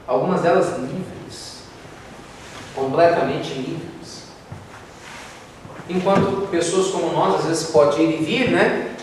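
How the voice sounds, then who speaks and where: A man from Brazil with a Brazilian Portuguese accent, giving a spiritist talk as a lively storyteller in a large lecture hall. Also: fairly high pitch. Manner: lively storyteller, acts out quoted voices. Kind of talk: spiritist talk with told stories. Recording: echoey hall, distant mic, faint noise.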